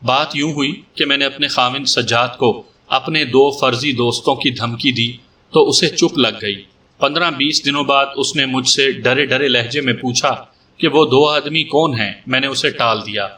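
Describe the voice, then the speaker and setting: A man's voice: medium pitch, sharp tone, recorded from a distance, natural voice. A man reading the part of a young woman making a frank, defiant statement to a police officer, in a story reading.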